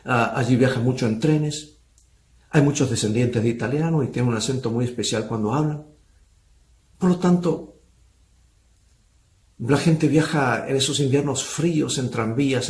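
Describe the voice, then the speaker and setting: A man's voice: mid-range voice, vocal fry, a little mellow, reverberant. A male pastor preaching a sermon, asking rhetorical questions of the brethren.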